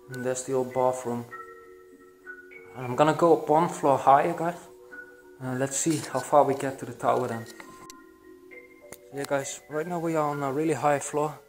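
Through echoey corridors and an attic of an abandoned building, a young urban explorer with a Belgian accent talks to his vlog viewers in hushed excitement, using many fillers. His voice is medium in pitch, captured on an action camera held in hand or worn on his body.

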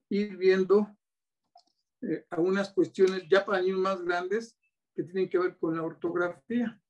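A man's voice: sits high, highs cut off. A man with a Mexican Spanish accent demonstrating teaching materials, patiently checking in with his audience as he explains. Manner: patient, asks many rhetorical checks. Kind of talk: classroom-style demonstration.

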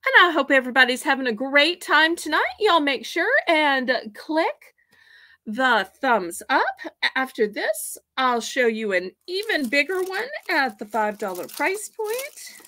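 A woman's voice: high-pitched, sing-song, measured pace, bright, forceful tone. A woman hosting a live online auction from home, chatty and folksy as she counts out items for bidders.

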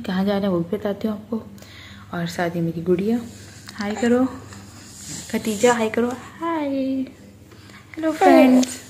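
A woman's voice: mid-range voice, mellow, slight background noise. Chatty young Pakistani mother vlogging at home. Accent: Pakistani Urdu. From Pakistan, Karachi. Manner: chatty, addresses viewers directly, shows items one by one. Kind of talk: casual vlog narration.

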